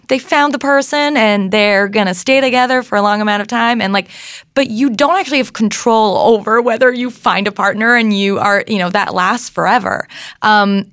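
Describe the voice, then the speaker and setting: A woman in her thirties hosts a talk show in a lively, chatty way, often laughing as she talks. The sound is close and dry, with no room around it. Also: mid-range voice, normal speed, no echo. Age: 30s. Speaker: podcast host. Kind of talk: conversational interview.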